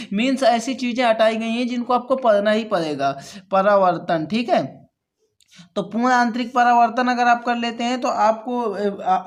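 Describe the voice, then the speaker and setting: Brief: high-pitched male teacher, quizzes and answers himself. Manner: asks and answers his own questions. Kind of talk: Hindi physics lesson for students.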